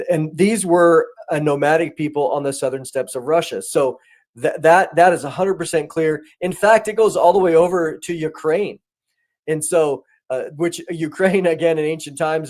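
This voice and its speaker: A man with a fairly high voice gives conversational commentary as a guest. He talks in an animated way, with many restarts. His emphasis keeps rising.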